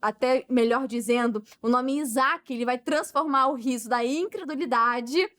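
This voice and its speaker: High-voiced Brazilian woman teaching Scripture. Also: moderate pace, a bit bright. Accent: Brazilian Portuguese. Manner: earnest, teaching, emphatic. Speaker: podcast host. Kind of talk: Bible study podcast chat.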